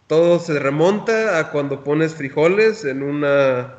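A man's voice: fairly high pitch, measured pace, dull audio, very noisy. A young man with a Guadalajara Mexican accent, co-hosting a podcast in casual, profane chat and laughing often as he talks. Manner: slangy, profane, laughs often while talking. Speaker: podcast co-host.

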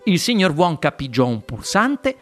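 A narrator reading a children's storybook aloud with an expressive, animated delivery. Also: medium pitch, a little slow, over loud music. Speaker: audiobook narrator.

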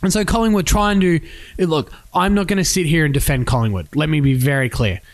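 Animated Australian man talking sport. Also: fairly high pitch, fairly quick, no room sound. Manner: animated storyteller, acts out quotes. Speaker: podcast co-host. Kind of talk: casual sports chat.

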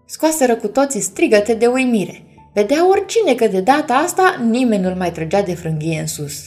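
A woman reading a bedtime story aloud, gently addressing the children listening. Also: fairly high pitch, big pitch swings.

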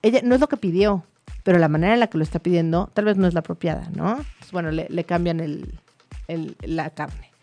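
A woman's voice: fairly low pitch, brisk, warm tone, faint music behind. A woman, a child therapist, explaining things in a chatty, storytelling way. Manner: chatty, many fillers, storytelling. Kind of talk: explanatory conversational talk.

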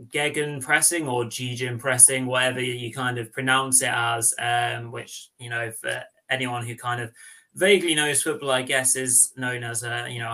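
A man hosts a football podcast with a bright, sharp tone. His voice sits at a middle pitch. He speaks hesitantly and pads his talk with "um" and "kind of". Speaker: podcast host. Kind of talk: casual podcast hosting.

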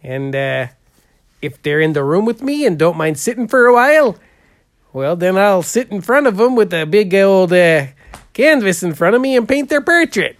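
A man's voice: high voice, big pitch swings, moderate pace, no room sound. A man playing a goofy, heavyset portrait painter in an improvised comedy interview, drawling and rambling with lots of "uh" and "there".

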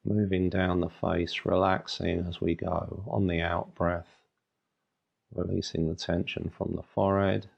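Male meditation guide, very creaky and husky, unhurried short phrases, flat delivery. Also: deep voice, highs cut off. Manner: soothing, unhurried instruction in short phrases with long pauses.

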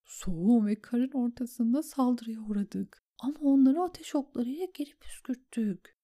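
A woman's voice: a little high, measured pace, dark tone, pitched above the performer's own voice. A woman voicing a frightened young scribe. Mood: anxious. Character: frightened young man writing battle messages.

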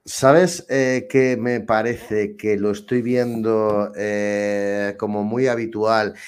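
Male interview host, low voice, relaxed and halting. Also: clean tone. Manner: relaxed, hesitant, many fillers. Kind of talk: casual live interview chat.

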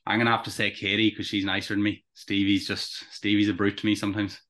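A man's voice: fairly low pitch, monotone, fast talker, fairly bright tone. A young man with an Irish accent chatting casually and keenly as a rower being interviewed. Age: young adult. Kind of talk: casual chat.

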